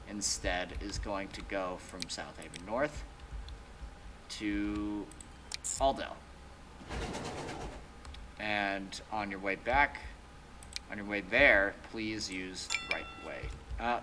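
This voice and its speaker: Brief: young male let's-player, lowish voice, chatty and joking, home mic, clear game noise behind. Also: slow pace, pauses often. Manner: joking, thinking aloud while building. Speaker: let's play co-host. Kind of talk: casual gameplay chat.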